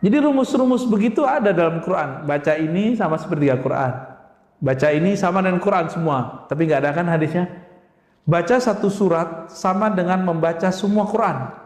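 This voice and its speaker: A man delivers an emphatic sermon in a high voice, often throwing rhetorical questions at the congregation. His words ring out in a large hall with a long, roomy reverb. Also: brisk, a little mellow. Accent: Indonesian. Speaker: preacher. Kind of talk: religious lecture to a congregation.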